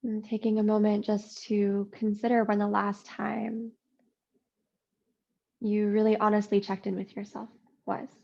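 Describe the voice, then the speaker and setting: A woman yoga teacher leading a slow guided practice, soothing and unhurried with long pauses. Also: mid-range voice, flat delivery, creaky, darkish tone, lo-fi sound.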